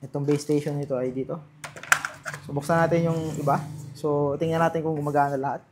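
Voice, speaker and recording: This Filipino vlogger's voice is on the high side and a little mellow, with little pitch movement and a brisk pace. He gives casual unboxing and testing commentary, chatting informally to his viewers in a Tagalog-English mix. Slight background noise is audible.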